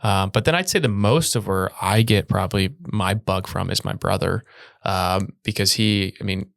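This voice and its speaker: Gravelly low-voiced man, relaxed guest. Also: moderate pace, no room sound. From Iowa, USA. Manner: relaxed, chatty, laughs easily. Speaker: podcast guest, video production business owner. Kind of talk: casual interview conversation.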